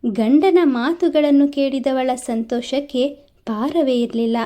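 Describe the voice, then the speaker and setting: A woman narrating an emotional village story in a steady, emotive scripted reading. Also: high voice, a little slow.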